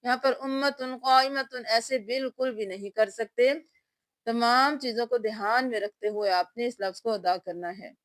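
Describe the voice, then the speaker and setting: Teaching Quran reading with tajweed, a woman spells each letter and then recites the full word in a slow, drawn-out manner. She speaks on the high side with a sharp tone, and there's no room sound.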